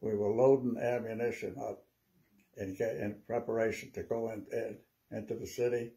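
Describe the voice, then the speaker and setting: A man in his nineties, an old veteran remembering his war days in a halting, rambling, conversational way with repeated words. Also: on the low side, flat delivery, dark tone. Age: 90s. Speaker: WWII veteran interviewee. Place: small living room at home, seated.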